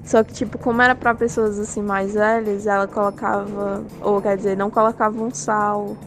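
Flat-voiced young woman over music. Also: medium pitch, normal speed. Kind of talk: casual group chat.

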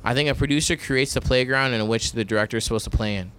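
A man's voice: medium pitch, quick pace, fairly bright tone, a little hiss or hum. A young man co-hosting a podcast, joking and teasing his friend, swearing freely. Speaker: podcast co-host. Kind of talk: casual chat.

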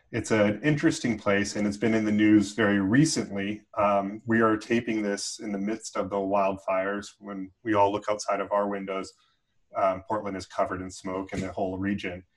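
A man's voice: lowish voice, steady tone, moderate pace, poor audio. A man hosting an interview show, introducing his guest and asking questions thoughtfully with some hesitant fillers. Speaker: host. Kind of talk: podcast interview.

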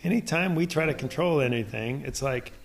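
A man's voice: a little high, a little fast, gravelly. A middle-aged man co-hosting a devotional podcast with his wife, talking earnestly, laughing often and reading scripture aloud. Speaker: podcast co-host. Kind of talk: devotional casual chat.

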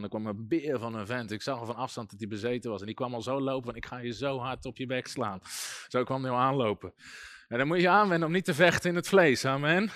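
A man giving an informal sermon on deliverance. He talks in a lively, humorous way, full of anecdotes and chuckles. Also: mid-range voice. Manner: lively and humorous, often chuckling and using fillers like "weet je". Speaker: preacher teaching on deliverance.

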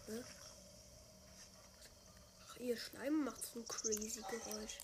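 A woman giving casual gameplay commentary, chatting along, swinging between loud outbursts and quiet mutters. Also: fairly high pitch, fairly even intonation, takes it slowly, background noise. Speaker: gamer.

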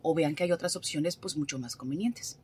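Frank, husky, low-voiced woman on radio. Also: fairly quick, a little mellow. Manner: frank, colloquial, direct. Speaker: therapist, regular radio contributor. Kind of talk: conversational radio advice talk.

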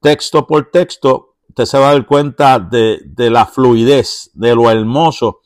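A man teaching a Bible study and explaining a psalm verse by verse. He pauses often to check in with his listeners through short tag questions. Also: mid-range voice, dry recording, studio quality. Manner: blesses those present by name.

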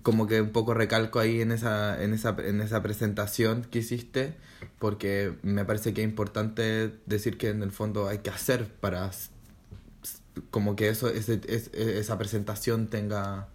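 Low-voiced Chilean drag artist, thoughtful. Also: male voice, little pitch movement. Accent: Chilean Spanish. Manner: thoughtful, pauses often to search for words. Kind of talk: casual podcast interview.

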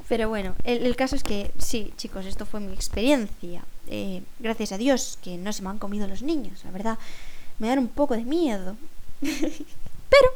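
A woman's voice: mid-range voice, normal speed, darkish tone, a little hiss or hum. A young woman hosting her own podcast, chatting and ranting in an exasperated way. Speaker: podcast host. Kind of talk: casual monologue.

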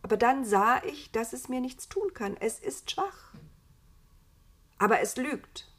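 A woman's voice: fairly high pitch, expressive, takes it slowly, fairly bright tone, pitched above the performer's own voice, full character voice. A woman voicing Eva, a curious, inventive young woman, in a storybook reading, eager and thoughtful. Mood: musing.

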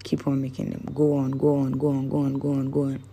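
A woman's voice: extremely low pitch, completely flat delivery, brisk, warm tone, a little hiss or hum. A woman giving a rambling motivational talk, often searching for words. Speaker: vlogger.

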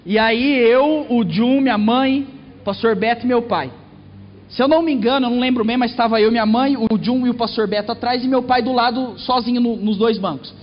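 A man with a Brazilian accent, preaching from the pulpit and telling a comic testimony in an animated way. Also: very high-pitched, a little fast, a little hiss or hum. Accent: Brazilian Portuguese. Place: church. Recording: echoey hall, muffled sound.

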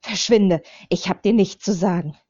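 A woman voicing a frightened but defiant young woman who shouts at her tormentor, on a slightly dull recording. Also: medium pitch, moderate pace, no echo, close to an everyday voice.

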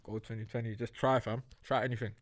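A man's voice: mid-range voice, little pitch movement, fast. A man in his twenties with a London accent, chatting casually as a podcast co-host in a slangy, emphatic way, often repeating his phrases. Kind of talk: casual chat.

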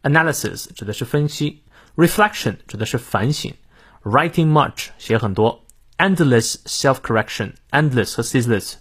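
A man's voice: medium pitch, slightly rough. A man hosting a daily English lesson, explaining word by word and drilling a quote aloud, with casual filler particles. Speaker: English teacher and host.

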